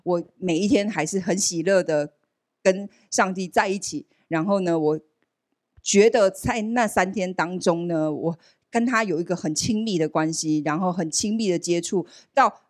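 A woman giving a personal testimony at a church service, telling her story in an animated way and acting out the dialogue she quotes. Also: lowish voice, moderate pace, no room sound, studio quality. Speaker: church member sharing a testimony.

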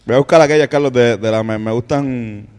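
A man's voice: mid-range voice, brisk, darkish tone, smooth. A man, co-hosting a podcast, playful and swearing freely. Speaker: podcast co-host. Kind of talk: casual podcast chat.

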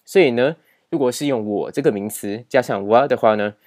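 A man's voice: medium pitch, fairly quick, darkish tone. A man teaching a grammar lesson over slides, explaining patiently and repeating key points with many filler particles. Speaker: language teacher.

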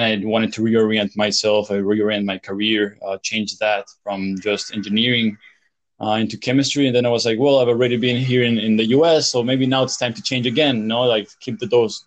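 A young man from El Salvador, a chemistry PhD student, answering interview questions in a hesitant way with many fillers and restarts. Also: fairly low pitch.

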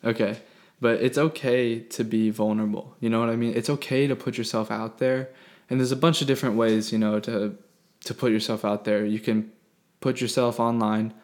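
A young man hosting a casual solo podcast from his bedroom, rambling and self-deprecating in a monotone voice with many fillers. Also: medium pitch, moderate pace. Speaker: podcast host. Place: bedroom at home.

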